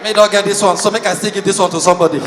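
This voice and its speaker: A man with a Nigerian Pidgin accent doing live stand-up comedy, loud and excitable, shouting punchlines at the crowd. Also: high voice, rapid-fire, echoey room, big-room sound, far from the mic, background noise. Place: large event hall with live audience.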